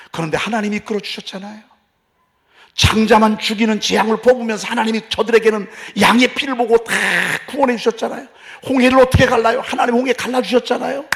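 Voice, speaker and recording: A man preaching a sermon as pastor, passionate, moving from hushed talk to loud outbursts. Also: extremely high pitch, creaky. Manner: impassioned, swings from hushed to shouting.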